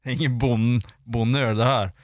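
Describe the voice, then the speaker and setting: A man's voice: medium pitch, fairly even intonation, no room sound. A man chatting casually as a podcast co-host, joking and laughing at his own quips. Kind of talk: casual chat.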